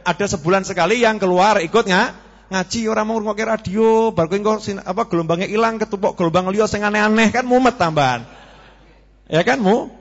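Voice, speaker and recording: A Javanese-accented preacher gives a humorous sermon to a live congregation, speaking a little fast, regularly quizzing his listeners and slipping Javanese words into his Indonesian. His male voice is somewhat high. The hall recording sounds dull and lo-fi, with a long, echoing reverb.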